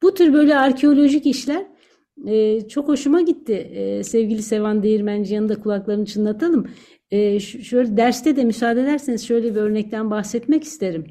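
Mellow, slightly high-voiced female guest. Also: a little fast. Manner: thoughtful, fond and eager when recalling words. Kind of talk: conversational radio interview.

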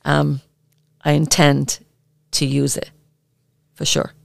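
A woman with an Irish accent co-hosting a podcast, talking earnestly and haltingly with many filler ums. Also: low voice, completely flat delivery, vocal fry, no room sound, studio quality. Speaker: podcast co-host. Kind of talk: casual podcast chat.

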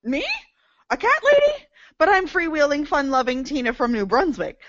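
A woman's voice: high-pitched, expressive, fairly quick, no echo, muffled recording. A young woman acting a sarcastic, defiant college graduate in an audio drama. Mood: wry. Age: young adult.

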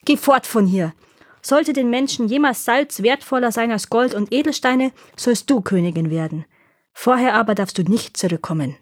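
An aging fairy-tale king, weary of ruling and easily stung in his pride, as a woman reader puts him on. He speaks slowly and gravely, in a slightly breathy, dry voice. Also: a little high, dry recording, close to an everyday voice. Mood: angry. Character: old weary king, proud and quick to anger.

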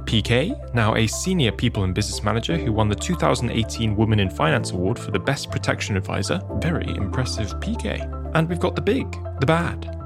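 A man giving a playful, jokey scripted podcast introduction as host. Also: lowish voice. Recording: voice over background music. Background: music.

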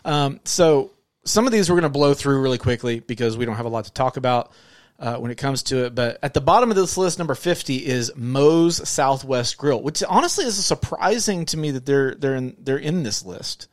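A man's voice: mid-range voice, expressive, moderate pace, dry recording, studio quality. A man co-hosting a podcast in natural, unscripted talk, joking and speaking straight to the listeners. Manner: jokey, addresses listeners directly. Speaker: podcast co-host.

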